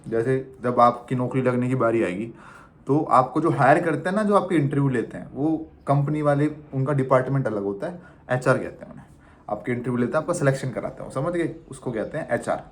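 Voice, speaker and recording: A man's voice: medium pitch, fairly quick. A young man in his twenties, a travel vlogger from India, talking casually and animatedly to the camera. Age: 20s. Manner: animated, chatty, teasing the viewer as "bhai".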